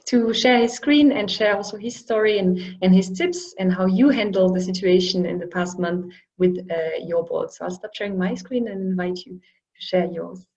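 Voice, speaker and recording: A woman's voice: medium pitch, moderate pace, darkish tone. A woman moderating an online webinar over lo-fi video call audio, introducing speakers politely and formally.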